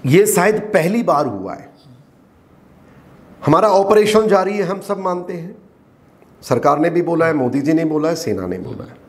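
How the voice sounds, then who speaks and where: A middle-aged man, a retired army colonel, speaks as an interview guest with a fairly high voice. He argues emphatically and often turns to rhetorical questions, pressing each point hard. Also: expressive, a little slow, long pauses. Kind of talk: interview, explaining.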